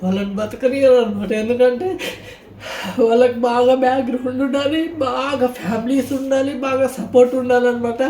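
A man's voice: very high voice, steady tone, dark tone, echoey room. Tearful man. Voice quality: tearful, halting. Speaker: vlogger. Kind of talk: emotional farewell vlog.

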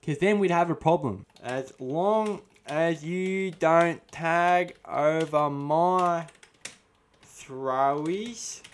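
A young Australian man in his twenties, with a slightly high and very slow voice, plays a cocky, combative eshay lout while hosting comedic commentary that reacts to a chatbot. He's casual and cocky, loaded with eshay slang, and keeps adding "bah" to his sentences. He records indoors in a small room at home on a close studio mic mounted on a boom arm.

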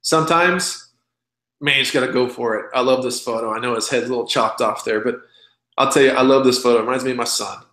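A man's voice: mid-range voice, quick pace, fairly bright tone. Blunt folksy man in his thirties, echoey. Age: 30s. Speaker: presenter. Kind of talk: recorded sales webinar.

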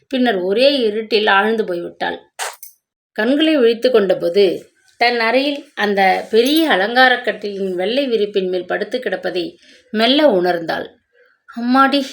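A woman narrates a romance novel aloud in a steady, measured way. Her reading is calm and unhurried, with a clear storytelling cadence. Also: on the high side.

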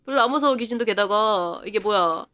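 A woman's voice: mid-range voice, bright, forceful tone. A woman streamer giving live commentary on a game, chatting to herself and laughing often. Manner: reacts to the game with quick surprised remarks.

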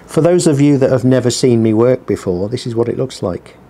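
A man's voice: mid-range voice, expressive, a little fast, warm tone, a little hiss or hum. A man talking casually in a workshop vlog, rambling with dry, self-deprecating humour while he works at his bench. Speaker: small business owner blogging his work. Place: workshop with a heater running. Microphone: mic on the bench below him.

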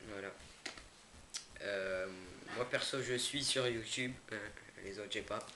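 A young man casually unboxes products for his channel indoors away from home, hesitating with many fillers and self-corrections. His voice is on the low side and slow. The echoey room has a noisy background of crinkling packaging and clicks.

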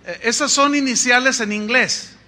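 Male pastor, emphatic exhorting sermon delivery, high and sharp-edged. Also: moderate pace. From Mexico. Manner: emphatic exhorting preacher, rhetorical questions.

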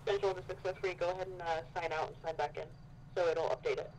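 A man's voice: high voice, steady tone, fast talker, noisy background. A man acting as police dispatcher in a roleplay, heard over police radio comms, speaking in clipped call codes.

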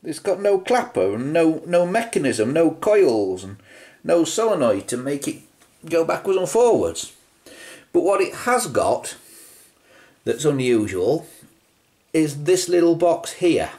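A British man presents a vintage telephone video, giving an unscripted hands-on show-and-tell. His voice is fairly high with a darkish tone. He muses as he goes and poses rhetorical questions.

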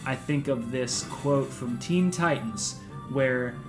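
A man's voice: mid-range voice, slow pace, music in the background. A man in his twenties giving casual, rambling gameplay commentary on a live stream, full of "um" and easygoing slang. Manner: rambling, laid-back, frequent "um" and slang like "dude" and "man". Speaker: let's play streamer.

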